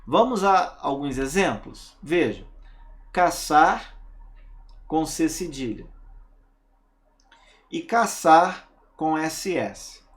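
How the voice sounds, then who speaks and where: A man teaches a recorded grammar lesson, his voice sitting a little high and rising and falling with animation. He speaks slowly and with emphasis, leaning on key words and pausing to check that his students follow. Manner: asks rhetorical questions and checks understanding with "tá?"; emphatic, stresses single words.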